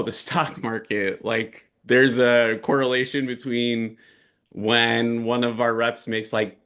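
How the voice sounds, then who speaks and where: A man from California's Bay Area, a guest trader in a casual interview, talking in a relaxed way full of "like". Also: mid-range voice. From San Francisco Bay Area, California. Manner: relaxed, peppers speech with "like".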